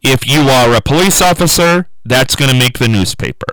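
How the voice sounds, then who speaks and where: A man with a smooth radio-host delivery, musing aloud to listeners on a call-in show and often trailing off and restarting. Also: medium pitch, expressive, normal speed, a bit bright, no room sound, low-quality recording. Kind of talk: call-in talk radio monologue.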